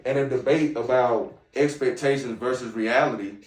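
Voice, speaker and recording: A man's voice: mid-range voice, moderate pace, distant mic. A man with a slight Southern US twang hosting a casual podcast monologue in a hookah lounge, brash and lecturing, speaking straight to his viewers. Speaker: podcast host. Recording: roomy, off-mic with music behind.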